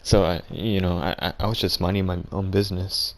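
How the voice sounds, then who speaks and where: A young man telling an absurd comic story deadpan, rambling and halting with lots of restarts. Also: deep voice, slight background noise. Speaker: vlogger.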